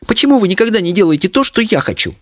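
A man voicing a mischievous, defiant young girl in a storybook reading, with a high, bossy, giggly manner. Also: big pitch swings, fast talker, no room sound, studio quality.

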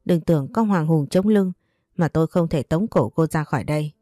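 A woman's voice: sits low, a little fast, dark tone, no echo, studio quality, lightly acted. A woman voicing a harsh, domineering mother-in-law who scolds and insults, in a storybook reading. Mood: furious.

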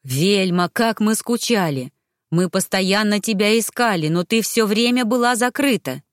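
A woman's voice: mid-range voice, expressive, unhurried, no echo, studio quality, natural voice. A woman voicing a cheerful, welcoming young red-haired woman. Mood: joyful.

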